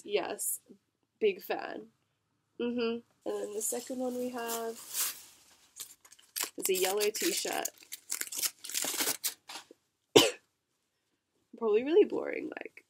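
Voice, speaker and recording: A young woman vlogger with a medium-pitched voice, congested from a cold, chats bubbly and casually while unboxing packages. She uses lots of fillers and "likes," and there's background noise.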